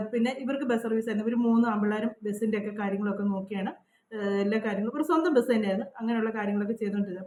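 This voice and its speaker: A woman's voice: mid-range voice, warm tone, roomy sound, a little hiss or hum. A middle-aged woman from Kerala, telling her life story in a chatty, confiding vlog. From Kerala, India. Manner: chatty and confiding, frequent "kettō" tags. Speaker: vlogger. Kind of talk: casual personal storytelling. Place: outdoors at her old house.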